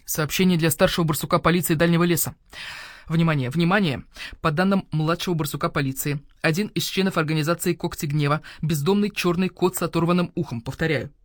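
A woman's voice: low-pitched, steady tone, fast talker, no echo, lightly acted. A woman narrator plays a hard-boiled badger-cat policeman, curt and menacing. He barks demands and threats with no patience. The audiobook sound is dry and close. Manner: brusque, threatening. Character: tough badger-cat police officer, gruff, impatient. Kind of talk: audiobook character voice.

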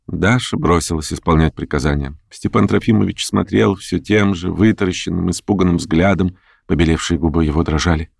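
A man narrating a classic novel in a measured, steady storytelling manner. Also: deep voice, gravelly, breathy edge, no room sound, clean studio sound. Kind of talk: audiobook reading of a classic novel.

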